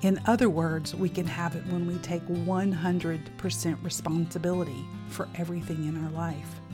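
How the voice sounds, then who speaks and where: A woman hosting her own podcast, delivering a scripted monologue in an expressive, emphatic and inviting way. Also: fairly low pitch, moderate pace, over music. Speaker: podcast host.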